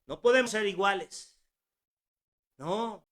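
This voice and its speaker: A man's voice: high-pitched, slow, fairly bright tone. A man in his sixties preaching a sermon at home, earnest and exhorting, with rhetorical questions and repetition. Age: 60s.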